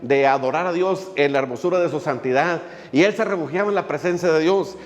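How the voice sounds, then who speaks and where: A man's voice: on the high side, a little fast, long reverb tail. A male pastor, preaching a sermon in a folksy way, with many fillers and little jokes as he tells a story.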